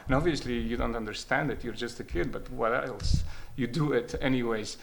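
A man's voice: mid-range voice, brisk, vocal fry, slight background noise. A man, speaking reflectively about his experience and often hesitating and repeating words as he thinks. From Croatia. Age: 30s. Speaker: speaker sharing personal experience. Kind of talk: reflective spoken testimony.

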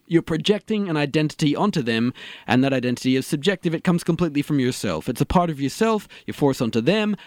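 An actor plays a gloomy philosopher in a comedy audio drama, lightly acted and recorded dry and close. He muses deliberately and morbidly, his pitch moving around a lot, animated yet a little mellow, and sometimes bluntly tactless. The mood is morbid and musing.

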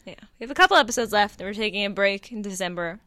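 A woman's voice: mid-range voice, expressive, fast talker, bright, forceful tone, no echo, studio quality. A young woman co-hosting a student podcast, chatting casually with short remarks. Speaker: podcast co-host. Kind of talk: casual chat.

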